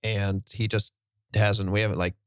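A man co-hosting a casual sports podcast, relaxed and sprinkling in "like" as he reels off stats. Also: lowish voice, moderate pace, no room sound, clean studio sound. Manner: relaxed, fills with "like", lists stats. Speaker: podcast co-host.

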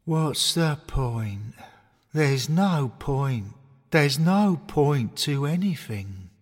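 A man voicing a depressed male teddy bear toy who talks slowly and despondently. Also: mid-range voice, expressive, long reverb tail, pitched above the performer's own voice. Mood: hopeless. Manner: slow, droning and despondent.

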